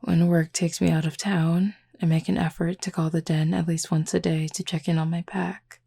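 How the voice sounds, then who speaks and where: Husky and gravelly, a woman's voice takes its time as she plays a flirty, confident, teasing werewolf pack member in an intimate audio roleplay. It sits on the low side with a level tone, a normal speed, and warmth, and her mood is sly and teasing.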